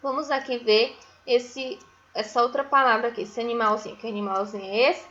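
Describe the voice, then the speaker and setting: A woman speaking Brazilian Portuguese teaches phonics to young children in a steady, fairly bright voice on the high side. Her syllables are drawn out, and she frequently tags on "né?" and "certo?". The sound is muffled.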